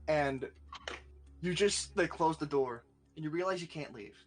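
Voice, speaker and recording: A man narrating a tabletop game as game master in a lively, swearing storytelling manner. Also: a little high, unhurried, soft background music. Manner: animated, swearing, laughing storyteller.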